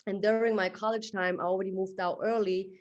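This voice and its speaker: A woman from Switzerland, a guest on a podcast, telling her life story in a relaxed way with many filler words. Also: mid-range voice, brisk, dull audio. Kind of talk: casual interview storytelling.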